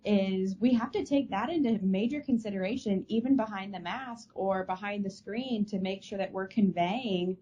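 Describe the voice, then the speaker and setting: A woman co-hosting a casual podcast, her voice mellow and warm. She speaks thoughtfully, often pausing and restarting her sentences. The audio is a bit dull and lo-fi with a faint hiss behind it. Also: mid-range voice. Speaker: podcast co-host. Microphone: remote call mic.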